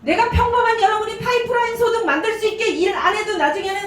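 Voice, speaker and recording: A woman voicing a furious middle-aged male company chairman who shouts in exasperation. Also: very high-pitched, steady tone, quick pace, voice pushed up. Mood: exasperated shouting. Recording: echoey room, distant mic.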